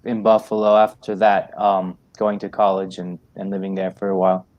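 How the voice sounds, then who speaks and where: A young man from New York, a guest writer talking in an interview in a measured, thoughtful way. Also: low voice, monotone, lo-fi sound. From New York, United States. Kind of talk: interview conversation.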